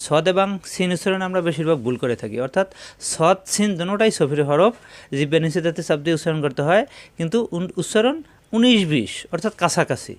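Male Quran teacher, slightly raised pitch, patient drilling delivery. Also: animated. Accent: Bangladeshi Bengali. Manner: drills letters slowly, repeating sounds for learners to copy. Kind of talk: step-by-step pronunciation lesson.

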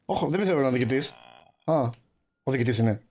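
A man's voice: medium pitch, animated, darkish tone, muffled recording. A man in a game roleplay, playing a getaway driver, talking in a joking, whiny, pleading way.

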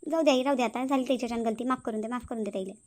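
Woman voicing a young cartoon daughter, hushed, coaxing, quick. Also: fairly high pitch, lightly acted. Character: young daughter, soothing peacemaker. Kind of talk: cartoon voice acting.

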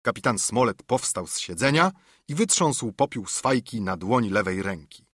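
Husky male audiobook narrator. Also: fairly low pitch, expressive, moderate pace, fairly bright tone, dry recording, clean studio sound. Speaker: audiobook reader. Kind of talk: scripted narration.

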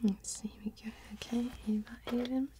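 Whispered role-play, young Scottish woman, helpful fantasy librarian, hushed library whisper, unhurried, mellow, faint hiss. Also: a little high, steady tone. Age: young adult. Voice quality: soft, breathy library whisper. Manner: slow, hushed, gently helpful. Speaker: ASMR performer playing a librarian.

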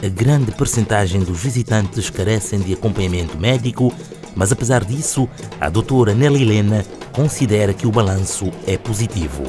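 A man with a fairly low voice narrates a news report in a measured, formal tone. Music sits clearly underneath his narration.

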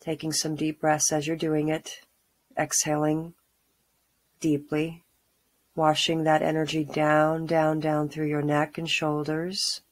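Middle aged lady doing a calm grounding exercise, slow and really even tone, soothing. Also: sits low, dry recording. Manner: calm, unhurried, soothing instructions with pauses. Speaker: meditation guide. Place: small room at home, indoors.

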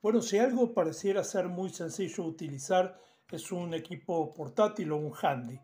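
An amateur radio channel host with a high, warm voice delivers an informal, didactic tutorial, addressing the viewer directly at a normal pace. He records in a small room at home on a phone held at arm's length, with faint music in the background.

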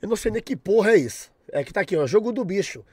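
A young man with a Brazilian accent, chatting on a live stream, loud and profane, shouting thanks at his chat. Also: sits high, lively intonation, very fast, breathy edge. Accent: Brazilian Portuguese.

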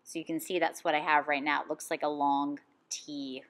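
A woman with a fairly low voice talks through a drawing lesson. She gives calm, step-by-step instructions as an art teacher. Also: moderate pace.

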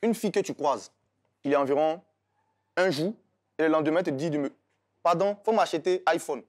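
A man's voice: fairly high pitch, fast talker, darkish tone. A man defending himself in a studio debate, plain-spoken. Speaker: debate guest.

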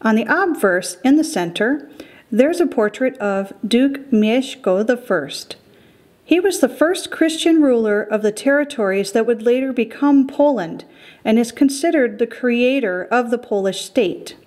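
A woman's voice: on the high side, expressive, a little slow, darkish tone. A middle-aged woman hosting a currency collecting show, giving careful scripted educational narration.

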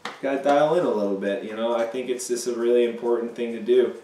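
A man's voice: mid-range voice, fairly even intonation, quick pace, mellow, recorded from a distance. A young man, a personal trainer, chatting casually and hyping things up while cooking in a home kitchen. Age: young adult. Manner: upbeat, hype-filled, says "you know" often. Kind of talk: casual cooking video chat. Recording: roomy kitchen echo, faint noise.

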